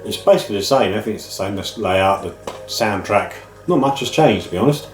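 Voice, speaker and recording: A low-voiced British man, slightly nasal and bunged up with a head cold (man flu), chats casually to camera as host of a video game pick-ups channel. He's animated and talks quickly. The room echoes noticeably, with music playing underneath.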